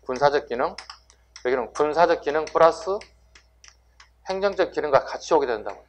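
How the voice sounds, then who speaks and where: A man's voice: fairly high pitch, animated, brisk. Emphatic man lecturing a class. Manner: rhetorical questions, answering himself, emphatic. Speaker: civil service exam history lecturer.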